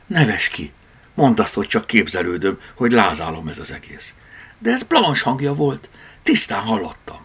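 A man's voice: fairly low pitch, sing-song, a bit bright, husky, voice pushed up, exaggerated voice. A man voicing a curious, determined red tomcat in an audiobook, eager in manner.

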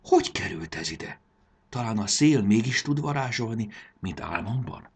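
A man's voice: fairly low pitch, expressive, a little mellow, slightly rough, pitched above the performer's own voice. A man voicing a curious, eager young boy in a storybook reading. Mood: wondering. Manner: eager, wondering exclamations. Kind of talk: audiobook character voice.

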